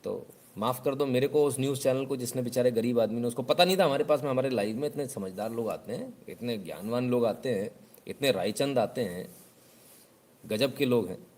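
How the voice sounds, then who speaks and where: Man, live show host, sarcastic, mocking, casual commentary, mid pitch. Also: brisk, a little mellow. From Uttar Pradesh, India.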